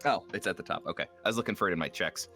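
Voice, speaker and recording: A man's voice: sits low, racing, pushed and bright, soft background music. A man playing a tabletop role-playing game, chatting casually and tentatively as he describes his moves.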